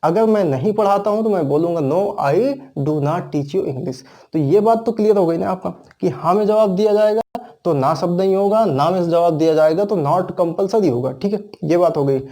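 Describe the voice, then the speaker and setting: In this classroom grammar lesson, a man with an Indian accent explains English step by step, asking his own questions and supplying the answers. He speaks fairly quickly in a high, warm voice.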